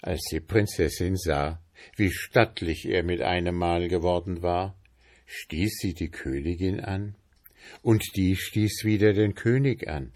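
A man reading a fairy tale aloud as narrator, in an unhurried storytelling manner. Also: low voice, darkish tone.

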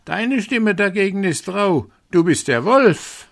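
Guy doing tiny goat kids, squeaky shrill storybook voices, gravelly underneath. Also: animated, slow pace, full character voice. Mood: defiant. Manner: high shrieking chorus voice. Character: seven frightened little goat kids, child-high, shrill.

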